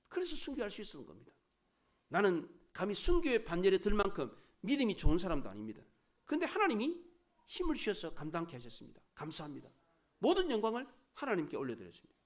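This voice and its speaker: A male pastor speaking as a humble, grateful martyr in heaven, in a soft, lowered, confessional voice. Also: exaggerated voice.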